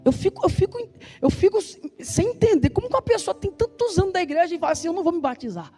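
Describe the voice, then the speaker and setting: A man with a striking, very high voice preaches in a Brazilian Portuguese accent, fast, loud and emphatic. He keeps throwing questions back at the congregation. The sound rings with a long church reverb over faint instrumental music. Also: lively intonation. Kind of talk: sermon.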